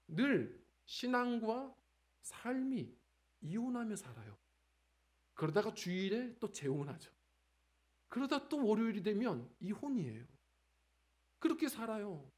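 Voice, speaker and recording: A man in his forties, pastor of a church, preaching a Sunday sermon with lively, conversational storytelling. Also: sits high. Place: church sanctuary.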